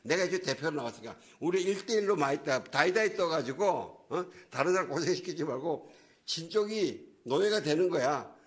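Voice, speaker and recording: A man voicing a boastful, mocking giant male warrior who shouts slangy challenges to a fight. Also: a little high, animated, a little fast, pitched above the performer's own voice. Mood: taunting. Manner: jeering, loud slangy challenges.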